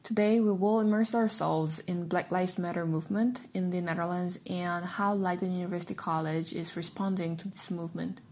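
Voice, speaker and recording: Young woman, podcast host, husky and measured, reads from script. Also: on the low side, steady tone, a little mellow. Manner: measured, reads prepared lines. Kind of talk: scripted introduction and interview questions.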